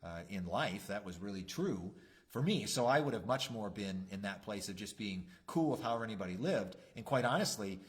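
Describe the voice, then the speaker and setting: A man with a somewhat low voice talks through matters of faith on a church youth show. He rambles reflectively and leans on fillers like "you know" and "uh". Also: lively intonation, fairly quick. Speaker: church youth leader co-host. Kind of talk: casual faith discussion.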